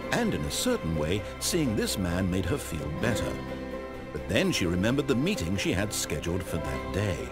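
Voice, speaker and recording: A low-pitched male actor with a British accent voices a composed, wry, all-knowing narrator in a video game. His delivery is deliberate, articulate and theatrical.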